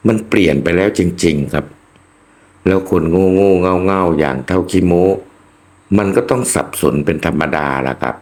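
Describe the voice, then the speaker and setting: A man in his sixties, a channel host, giving a slow reflective monologue to his viewers and often calling them friends. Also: low-pitched, darkish tone. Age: 60s. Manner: slow, preachy, addresses listeners as friends.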